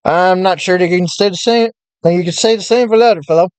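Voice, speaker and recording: A man's voice: sits high, a little fast, darkish tone, clear, resonant tone, no echo, natural voice. A man doing a 1930s newsreel-style merchant. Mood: urgent. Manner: old-fashioned 1930s newscaster delivery. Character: secretive middle-aged male town merchant.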